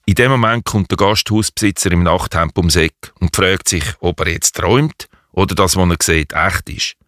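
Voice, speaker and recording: A man's voice: sits low, normal speed, fairly bright tone, no room sound, studio quality. A man narrating a scripted story as its storyteller.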